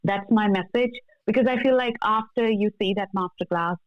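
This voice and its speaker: A woman with a mid-range voice speaks at a moderate pace in a dry recording with thin, phone-like call audio. She is a love coach appearing as a podcast guest in a conversational interview, sounding earnest, emphatic, and motivational.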